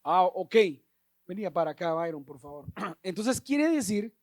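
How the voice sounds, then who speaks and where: High-voiced pastor preaching. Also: male voice, sing-song, normal speed, no echo, clean studio sound. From Guatemala. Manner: preaching to a congregation, calling for repetition. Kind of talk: Sunday sermon.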